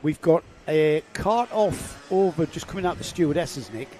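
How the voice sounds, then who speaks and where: A man's voice: on the high side, expressive, moderate pace, a little mellow. A man commentating live on a kart race, explaining the racing and teasing his co-host. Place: outdoor kart track commentary point.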